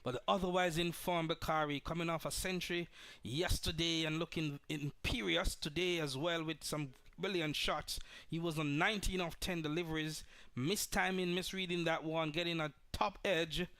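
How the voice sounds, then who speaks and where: A man working as co-commentator on a live cricket match, explaining plays in a measured way and murmuring agreement. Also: a little high, steady tone, a bit bright, clear, resonant tone, no echo. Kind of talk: live sports commentary analysis.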